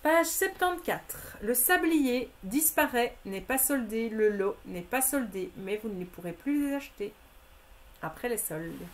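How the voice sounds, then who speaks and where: A woman's voice: fairly high pitch, lively intonation, measured pace, slight background noise. A woman presenting craft products in a live stream, methodically listing discounts and prices and speaking familiarly to her viewers.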